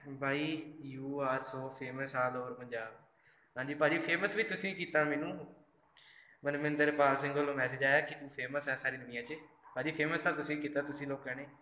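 A man's voice: mid-range voice, sharp tone, roomy sound, low-quality recording. A man, chatting casually on a live stream, reading out fan messages and thanking his fans by name. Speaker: social media singer doing a live fan chat.

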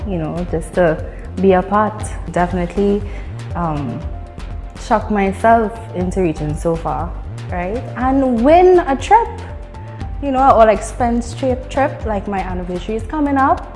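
A woman's voice: medium pitch, normal speed. A young Trinidadian woman giving casual interview answers as a contestant. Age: young adult. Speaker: cooking contestant. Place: TV studio. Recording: reverberant sound under loud music.

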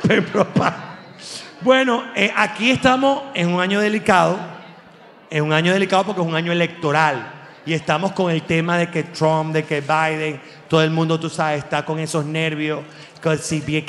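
A Venezuelan comedian man riffs through a stand-up monologue in an animated, profane style and keeps leaping into mock voices. His voice sits fairly high for a man. The sound carries a long, reverberant hall tail. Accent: Venezuelan Spanish. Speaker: comedian host.

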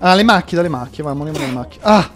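A man giving excited gameplay commentary, yelping and laughing as he plays. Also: fairly high pitch, very fast, faint music behind. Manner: excitable, yelps and laughs often. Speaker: gaming video host.

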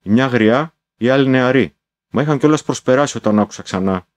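A man's voice: medium pitch, no echo. A man reading a novel aloud as a first-person diary, in a confiding, musing manner with exclamatory asides. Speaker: audiobook narrator.

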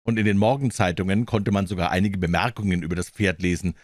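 A man reading a crime story aloud as an audiobook narrator, measured and expressive. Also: low voice, no echo, studio quality.

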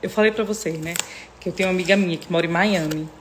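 Racing through her words in a lowish voice, a woman from Northeast Brazil with a Northeastern Brazilian Portuguese accent chats emotionally to her followers, constantly addressing viewers. It's a casual home vlog shot on a phone, with slight background noise.

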